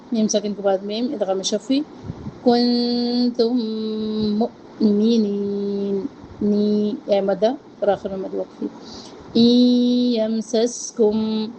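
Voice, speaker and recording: Dark, flat-voiced woman teaching tajweed. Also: medium pitch, muffled recording, a little hiss or hum. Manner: recites a phrase slowly, then explains rules quickly. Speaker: Quran recitation teacher. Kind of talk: tajweed lesson, recitation with rule explanations.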